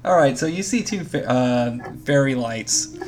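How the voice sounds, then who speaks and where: Male GM, easygoing narration, mid pitch, fillers. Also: lively intonation, unhurried, music in the background. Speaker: game master. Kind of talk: narrating a tabletop game.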